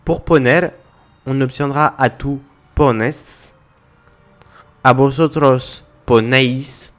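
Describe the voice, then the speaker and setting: A man's voice: mid-range voice, fairly even intonation, takes it slowly, soft background music. A man explaining a language point to viewers in a methodical lesson, walking through examples one by one. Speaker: language teacher.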